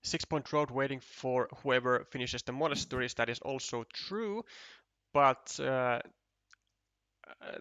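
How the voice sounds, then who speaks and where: Unhurried man commentating a board game. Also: mid-range voice, bright, forceful tone, no echo. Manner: thinking aloud, counting tiles, many restarts. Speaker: esports commentator.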